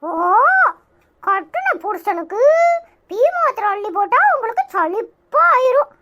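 A woman's voice: very high voice, sing-song, measured pace, very noisy, heavily acted. A woman voicing a sarcastic, nagging young grandson with a Tirunelveli Tamil accent in a cartoon. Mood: mocking. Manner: nagging, mocking questions. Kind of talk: cartoon voice acting.

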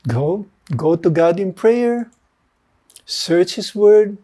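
An older man delivers an earnest sermon. His voice sits fairly high yet sounds mellow and warm. He speaks slowly and pauses often on fillers. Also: expressive. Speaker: lay preacher.

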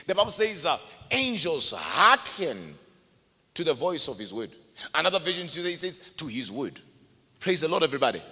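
A man's voice: fairly high pitch, sharp tone. A man preaching a sermon to a congregation, emphatic and calling for their responses. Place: church hall. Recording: reverberant hall.

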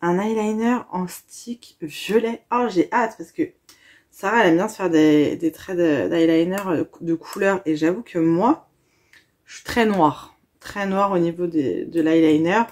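A woman's voice: lowish voice, measured pace, a little mellow. A young woman, gushing and chatting casually as she unboxes a gift box for her viewers.

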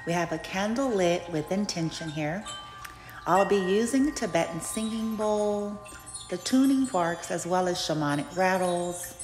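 A woman speaking as a Reiki healer and channel host, giving a spiritual session preview in a soothing, unhurried, mystical manner. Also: lowish voice. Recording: echoey reverberant sound with music and chimes.

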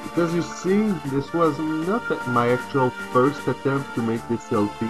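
A French let's play host, a native speaker with a French accent, offers casual game commentary in a hesitant, halting way over video game music. His voice is medium-pitched and the recording quality is low.

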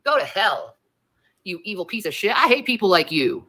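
A woman's voice: mid-range voice, very animated, normal speed, pushed and bright. A woman ranting on a livestream, heated, profane and confrontational, talking straight at her critics. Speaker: livestreamer in a played clip. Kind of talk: angry livestream rant.

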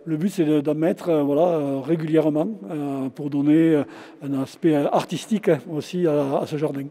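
Wearing a face mask, a man in his sixties from France, a shop owner and local historian, speaks into a handheld interviewer mic during a casual interview, with many fillers and restarts. His voice is on the high side, warm and steady at a moderate pace. The setting is a large former chapel indoors, and its stone walls give a long reverb.

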